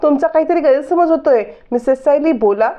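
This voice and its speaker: A woman's voice: sits high, fairly quick, dark tone, pitched above the performer's own voice, natural voice. Woman reading as an anxious pleading husband. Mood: urgent. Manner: urgent, pleading.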